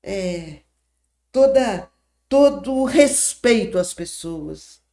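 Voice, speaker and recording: An older woman, a podcast guest gently recounting memories and often checking in with her listener. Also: mid-range voice, expressive, drawn-out words. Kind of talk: reminiscing storytelling.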